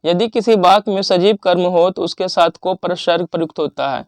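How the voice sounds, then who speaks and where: High-voiced man reading exam lists. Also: dry recording. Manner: steady list reading with pauses. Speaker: exam prep teacher.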